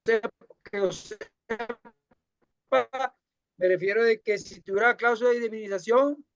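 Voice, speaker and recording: A man's voice: high voice, fairly even intonation, unhurried, clear, resonant tone, no echo. A man in an online class, asking his question hesitantly with many restarts, heard through a muffled video call that keeps cutting out. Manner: hesitant, repeats words and restarts. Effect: muffled, cutting-out video call audio. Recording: dull, dry lo-fi call audio.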